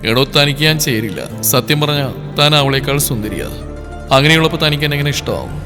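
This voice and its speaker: Man doing a sad young husband, soft and low, choked up, echoey with faint music. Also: animated, fast talker, natural voice. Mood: sorrowful. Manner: soft, quiet, choked with sorrow. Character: grim, wounded young husband. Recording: long reverb, faint music.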